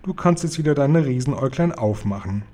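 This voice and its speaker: A man's voice: mid-range voice, lively intonation, a little fast, dark tone, lightly acted. A man doing a kind, clever big friendly giant. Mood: eager. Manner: eager, commanding, twists words playfully. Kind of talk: storybook reading aloud.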